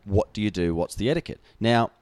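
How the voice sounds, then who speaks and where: A man's voice: lowish voice, expressive, a little fast, darkish tone, no echo. A man co-hosting a casual chat show, telling stories and quizzing his co-host. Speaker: podcast co-host.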